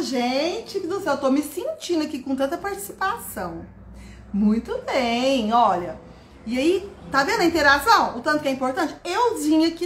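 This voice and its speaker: Woman educator, high and lively, slow deliberate teaching, echoey room with faint hiss. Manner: animated, stretches words, greets viewers by name. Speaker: educator hosting a live class. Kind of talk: live-stream teaching talk. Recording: roomy echo, faint background noise.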